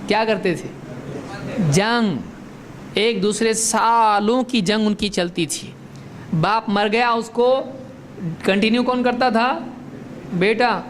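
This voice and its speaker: A man giving a religious lesson. He asks his listeners questions, answers them himself, and recites Arabic verses slowly. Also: sits high, fairly bright tone, slight background noise. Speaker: Islamic religious teacher. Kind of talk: religious lecture.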